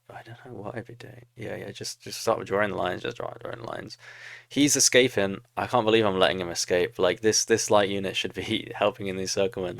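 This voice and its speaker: A young man with a low, gravelly voice talks through a replay of his own strategy match, picking apart his mistakes and laughing at himself. His voice sounds dry and close, with no room around it. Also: no echo. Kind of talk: casual game commentary.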